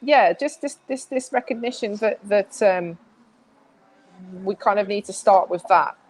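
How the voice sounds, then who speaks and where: A woman's voice: mid-range voice, a little slow, rough recording. A woman speaking as a guest in a casual interview, chatty, with many restarts and fillers.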